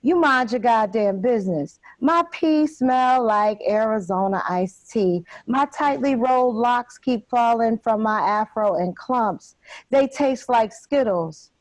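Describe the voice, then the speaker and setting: A woman's voice: a little high, expressive, takes it slowly, no room sound, poor audio. Defiant woman performing spoken-word poetry. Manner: defiant, confrontational, addressing an unseen officer. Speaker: poet reading her work.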